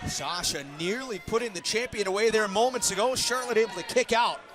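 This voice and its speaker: A man's voice: high-pitched, fairly quick, music in the background. A man doing wrestling play-by-play commentary with emphatic, dramatic calls. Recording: loud arena crowd noise. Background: roaring crowd in an arena.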